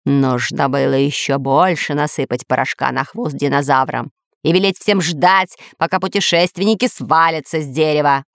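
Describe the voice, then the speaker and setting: A woman voicing a brooding, weary villain lord in a storybook reading, low and snappish. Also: fairly even intonation, moderate pace, no echo, studio quality. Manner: gloomy, snapping.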